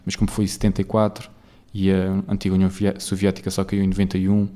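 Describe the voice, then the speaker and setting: Rambling Portuguese man, low mellow voice. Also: completely flat delivery, quick pace. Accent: European Portuguese. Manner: rambling, full of fillers and tag questions. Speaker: podcast host. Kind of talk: casual solo podcast monologue.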